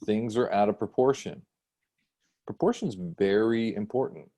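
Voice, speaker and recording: A man's voice: fairly low pitch, a little slow, warm tone. A man teaching an online design class over a video call, chatty and checking in with "right?". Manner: conversational, often checks with "right?".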